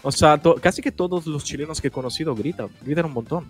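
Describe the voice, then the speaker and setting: This Italian guest co-host of a live stream speaks fast in a fairly high voice, chatting away casually. Laughter comes often, along with stammering and repeated words, and quiet music runs in the background.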